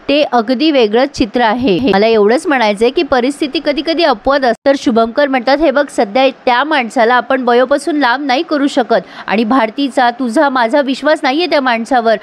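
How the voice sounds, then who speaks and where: A woman's voice: sits high, moderate pace, few pauses. A woman who has a heavy cold, retelling a TV serial episode in a chatty way, quoting each character's lines and talking straight to her viewers. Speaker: TV serial recap narrator.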